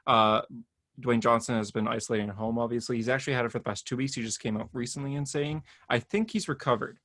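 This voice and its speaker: A man's voice: medium pitch, steady tone, fast, fairly bright tone. A man co-hosting a podcast, chatting casually about comic-book news, rambling a bit and laughing often. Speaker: podcast co-host.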